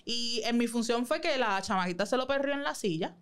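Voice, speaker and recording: A woman's voice: a little high, animated, a little fast. A Puerto Rican woman co-hosting a podcast in casual chat, sassy and slangy, mixing in English phrases. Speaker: podcast co-host.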